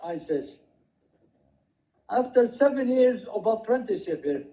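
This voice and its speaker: An older man recounting his working life in a rambling, halting way, with many restarts and quoted dialogue. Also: high voice, animated, warm tone. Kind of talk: rambling personal storytelling. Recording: dull lo-fi home recording.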